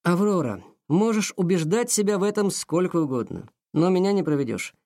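A man's voice: sits high, expressive, fairly quick, a little mellow, pitched above the performer's own voice. A man reading a story aloud, voicing a brash, teasing young man in an insinuating, mocking tone.

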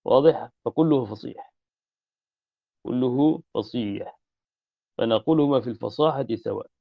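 A male teacher gives corrective commentary on a grammar text, stressing his points and repeating them. His voice is gravelly, and it comes through a tinny, phone-like line. The sound is dry and close. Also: mid-range voice, normal speed, no echo.

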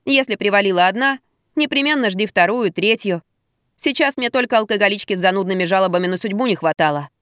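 A woman reads a first-person story aloud in an ironic, lively storytelling manner. Her voice sits in a middle register. The recording is dry and close, with no room around it. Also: medium pitch, quick pace, dry recording. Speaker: audiobook narrator. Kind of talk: scripted first-person narration.

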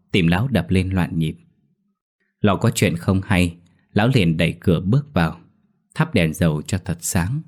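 A man narrating a horror story in a steady, grave manner. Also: low-pitched.

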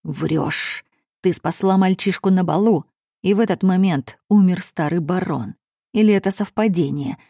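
A woman voicing a grief-crazed middle-aged nobleman father who shouts, accuses and threatens. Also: fairly low pitch, moderate pace, gravelly, breathy edge, dry recording, clean studio sound. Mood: accusing.

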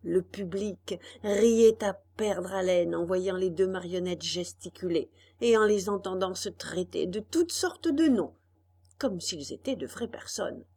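A woman reading a children's storybook aloud with an expressive delivery. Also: on the low side, unhurried. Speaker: audiobook reader. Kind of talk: storybook narration.

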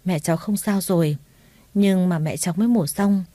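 A calm doctor giving a measured, mildly reproving word, as a woman storyteller reads it. The voice is mellow and warm, recorded dry and close. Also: on the low side, no echo, close to an everyday voice. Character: calm hospital doctor, adult.

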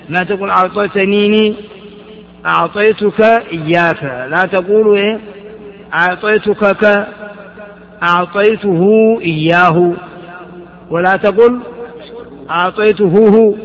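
High-voiced man teaching grammar, dull recording. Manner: quizzes students with short questions. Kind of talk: classroom lesson explaining verses.

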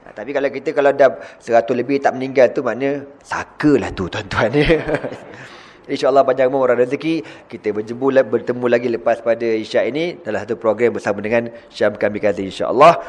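A man's voice: mid-range voice, brisk. A man with a Malaysian accent preaching in a storytelling sermon. He talks in a playful way, chuckles often and addresses his listeners directly. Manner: chants Arabic closing prayers.

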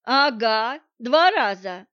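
A stern woman of the forest, as a female reader plays her snaps short orders in a fairly high voice. The audiobook recording is dry and slightly dull. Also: unhurried, a bit bright, no echo. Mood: curt. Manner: curt, commanding. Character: stern forest-dwelling woman who commands a bear.

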